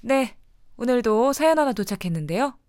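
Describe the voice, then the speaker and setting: Female radio host for phone-in banter: playful, higher-pitched, with big melodic swings. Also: normal speed, dry recording, studio quality. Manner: animated, joking.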